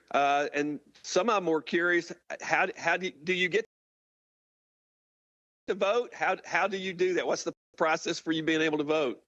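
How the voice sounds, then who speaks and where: A man hosting a live link-up as a university president, informal and a bit halting as he restarts his questions. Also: a little high, a bit bright, dry recording. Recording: dull, muffled event audio.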